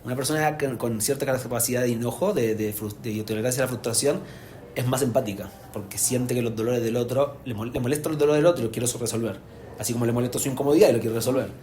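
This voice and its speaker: Un hombre con acento que da una clase en vivo a padres como rabino, explicando con ánimo y preguntando a menudo si se entiende. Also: male voice, mid-range voice, fast talker, soft background music. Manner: animated, explanatory, asks "¿se entiende?" often. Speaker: rabbi teaching parents. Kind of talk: live lecture to an audience. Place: community hall with an audience.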